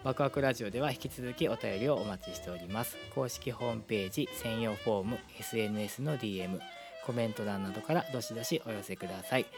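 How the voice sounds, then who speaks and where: A man with a Kansai accent hosting a casual radio show, relaxed and friendly, polite when closing the show. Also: lowish voice, fast, over music. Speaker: radio host. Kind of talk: casual chat.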